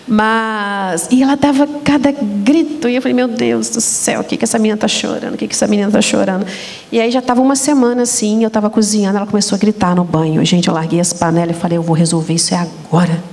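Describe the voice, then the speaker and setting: Animated Brazilian woman hosting a church talk. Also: a little high. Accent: Brazilian Portuguese. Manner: animated storytelling, addresses audience as "gente". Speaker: talk show host. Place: church event stage.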